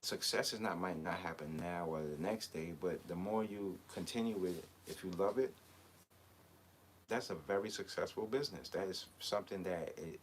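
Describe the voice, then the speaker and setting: Deep-voiced man rambling on a live stream. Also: normal speed, slight background noise. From Barbados. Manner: rambling, with many hesitations and fillers. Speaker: clothing brand designer hosting a live chat. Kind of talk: casual live-stream talk.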